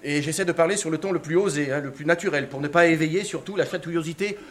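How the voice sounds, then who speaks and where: A man's voice: fairly high pitch, quick pace. Theatrical male reader of literary prose. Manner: expressive, theatrical, shifting from hushed to excited. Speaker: narrator. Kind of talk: dramatic reading of a literary text.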